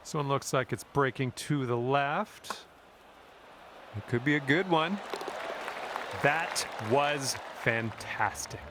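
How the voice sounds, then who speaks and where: A man playing a calm golf commentator in a video game, encouraging the player directly. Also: mid-range voice, slow pace, long pauses, close to an everyday voice. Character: friendly adult male golf announcer. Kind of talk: scripted golf play-by-play. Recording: game audio with music and crowd. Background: music and crowd noise.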